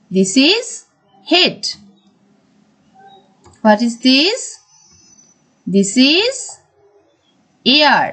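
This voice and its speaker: A woman teaching a primary school English lesson, mixing English words with Bengali explanations and drawing words out slowly. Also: sits high, fairly bright tone. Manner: slow, drawn-out word-by-word teaching. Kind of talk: recorded classroom lesson.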